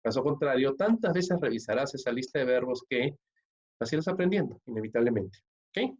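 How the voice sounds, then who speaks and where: A man's voice: medium pitch, animated, a little mellow. Man teaching grammar, checking "¿ok?". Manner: explains step by step, keeps checking with "¿ok?" and "¿no?"; slows down and stresses key words. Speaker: English teacher. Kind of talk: recorded grammar lesson. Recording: dull lo-fi recording.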